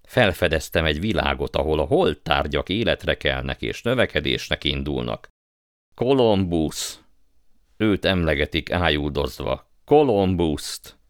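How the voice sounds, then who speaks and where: A man voicing a greedy, pompous elderly uncle who gets excitable and boastful. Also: very deep voice, no room sound, studio quality.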